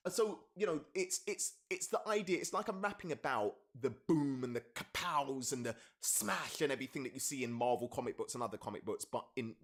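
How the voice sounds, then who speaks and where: Man, live-stream lyric breakdown, enthusiastic, counts syllables, thanks chat, medium pitch. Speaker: rapper and streamer. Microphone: streaming setup with webcam.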